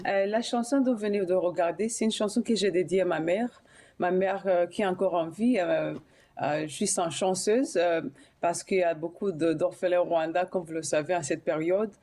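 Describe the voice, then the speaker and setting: A woman's voice: lowish voice, moderate pace, warm tone. A woman, a singer interviewed as a guest on a TV studio show. She speaks hesitantly, with many fillers and restarts. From Burundi.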